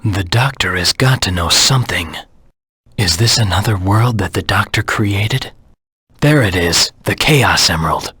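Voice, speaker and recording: A dark video game antihero, brooding and grimly determined. The voice is low and very husky, with a gravelly rasp. He delivers terse, grave lines with menace, in a dry, close studio sound. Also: lively intonation, measured pace, no echo, full character voice. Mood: grim, focused. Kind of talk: dramatic video game voice acting, scripted monologue.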